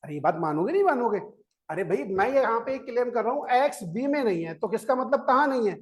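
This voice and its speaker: Briskly and with lively intonation, a male maths teacher with a very high voice gives his classroom lecture. He keeps quizzing the students, goes over each step again, and coaxes them to listen before writing.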